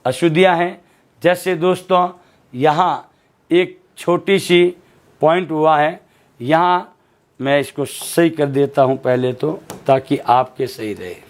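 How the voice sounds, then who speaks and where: A man teaching a Hindi spelling lesson for exam students, often asking a question and answering it himself. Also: a little high. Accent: Rajasthani Hindi. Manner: asks questions and answers them himself, repeats words slowly. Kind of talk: classroom lesson, quizzing the viewer.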